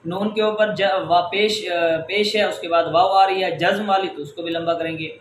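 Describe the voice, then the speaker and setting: A man's voice: sits high, steady tone, a little hiss or hum. A man teaching tajweed, patiently explaining each rule step by step and stretching out example words. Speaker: Quran recitation teacher. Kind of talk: tajweed lesson. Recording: echoey room with faint ambience.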